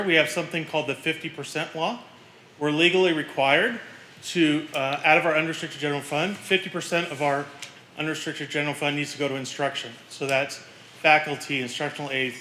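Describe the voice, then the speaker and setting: A man's voice: a little high, sharp tone. A man presenting a college's tentative budget to a board, explaining it step by step with some fillers. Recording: echoey meeting room with faint noise.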